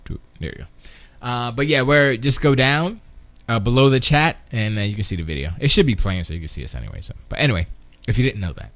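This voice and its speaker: A man's voice: mid-range voice, expressive, fast talker, a bit bright, no room sound. A man co-hosting a casual gaming stream, slangy and playfully trash-talking. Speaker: stream co-host.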